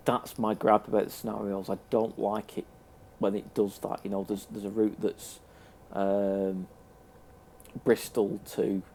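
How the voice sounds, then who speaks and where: Sounding blocked up and sniffly with a cold, a British man hesitantly presents an informal review off the cuff. His voice is fairly low and mellow, recorded with noticeable noise in the background.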